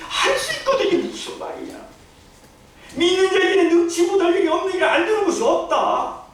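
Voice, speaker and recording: Pastor voicing a stern, rebuking Jesus, loud and raised, in a roomy far-off hall sound. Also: male voice, very high voice, animated, fairly quick, pitched above the performer's own voice. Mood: indignant. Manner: commanding, rebuking. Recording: very echoey church hall, distant mic.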